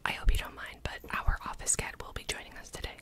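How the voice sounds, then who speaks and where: Young female whisperer for fast ASMR whispered role-play: brisk exam-giver, close-miked, clipped and repetitive. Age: young adult. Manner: fast, brisk, clipped instructions with repeated short words. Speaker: ASMR creator playing a cranial nerve examiner. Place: small indoor home room. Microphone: large microphone close in front of the mouth.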